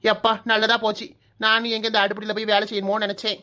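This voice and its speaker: A woman's voice: mid-range voice, flat delivery, fast talker, pushed and bright, natural voice. A woman voicing a cheeky, lazy young daughter-in-law in a comic cartoon, teasing her in-laws in a Kanyakumari Tamil accent. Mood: breezy. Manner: teasing, mocking, brash.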